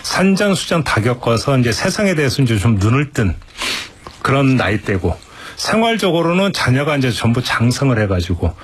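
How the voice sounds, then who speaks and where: A man's voice: medium pitch, big pitch swings, moderate pace, slightly rough. A man hosting a broadcast talk show, leading the chat with joking interjections. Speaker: host.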